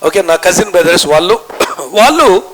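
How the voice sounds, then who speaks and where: A man's voice: high-pitched, expressive, moderate pace, a bit bright, slight background noise, poor audio. A middle-aged man, preaching a sermon in church, putting questions to the congregation and mixing in English. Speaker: pastor.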